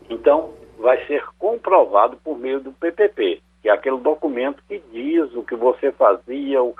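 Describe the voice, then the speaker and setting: Husky guy explaining, phone-line sound. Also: medium pitch. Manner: measured, explanatory, with hesitations. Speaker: lawyer answering listener questions. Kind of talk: radio call-in advice.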